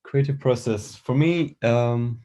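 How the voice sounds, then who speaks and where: A man from Iran, an artist guest on a podcast, talking casually and thinking aloud with many pauses and fillers. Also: mid-range voice, warm tone.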